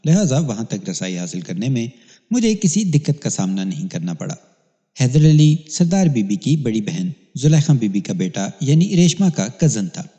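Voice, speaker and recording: Expressive male crime-story narrator. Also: medium pitch. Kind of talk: dramatic first-person crime narration. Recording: long hall reverb.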